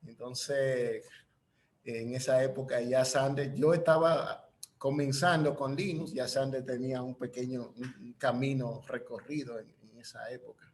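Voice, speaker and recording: A man's voice: mid-range voice, fairly even intonation, a little slow. A man hosting an online panel talk, hesitant with restarts. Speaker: host.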